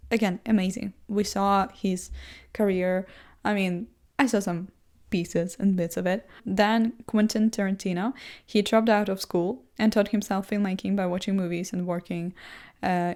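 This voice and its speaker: A young adult woman vlogs from a chair indoors, English not her first language, in a loose, thinking-aloud monologue. Chatty and self-deprecating, she speaks at a middle pitch and keeps restarting sentences with fillers.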